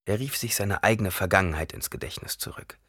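A man reading an audiobook aloud in a dramatic, expressive way. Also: low voice, fairly quick, slightly rough, dry recording, studio quality. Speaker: narrator. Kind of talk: audiobook narration.

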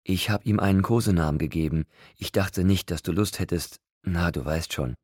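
A man voicing a tender, excited young pregnant woman in an audiobook, with a soft, emotional delivery. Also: deep voice, moderate pace, slightly rough, no echo, clean studio sound. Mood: shy.

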